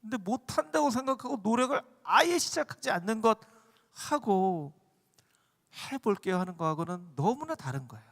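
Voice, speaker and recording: A male pastor preaching a sermon with passion, voicing prayers, swinging between loud calls and hushed pleas. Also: sits high, big pitch swings, a little fast. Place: church sanctuary. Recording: long church reverb.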